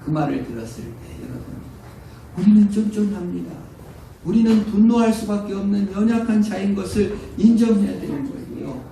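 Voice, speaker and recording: A man pastor preaching a sermon with animated delivery, acting out quoted voices and swinging between loud and hushed. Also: high-pitched, normal speed, creaky, slight background noise. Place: church sanctuary. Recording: distant echoey church room.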